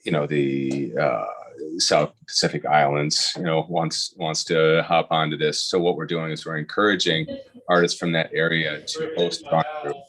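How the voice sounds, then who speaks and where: A man hosting a casual video-call interview, talking haltingly with lots of fillers and restarts. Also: very deep voice, little pitch movement, a bit bright. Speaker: host.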